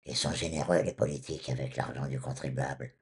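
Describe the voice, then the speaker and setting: Man, honking duck-like voice, extremely low, severely raspy, storytelling guest. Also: fairly even intonation, a little fast. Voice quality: honking, duck-like, very husky voice, damaged after vocal cord removal. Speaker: interview guest, former singer telling anecdotes. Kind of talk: storytelling in an interview.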